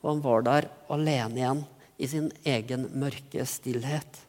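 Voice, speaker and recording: A man's voice: mid-range voice, steady tone, a little mellow, long reverb tail. A man from Norway giving an earnest, reflective sermon with rising emphasis in places. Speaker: pastor.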